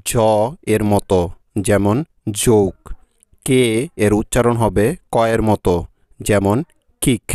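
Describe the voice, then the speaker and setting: A man's voice: fairly low pitch, a little mellow, smooth, no echo, studio quality. A man narrating a scripted language lesson, spelling out letters and their sounds one at a time. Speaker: English teacher.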